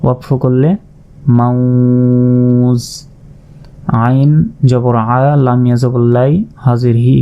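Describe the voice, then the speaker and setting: A man teaching Quran recitation in a slow, methodical lesson, spelling out letters and vowel marks, then drawing out each word. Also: medium pitch, level tone, faint music behind. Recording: dull lo-fi recording.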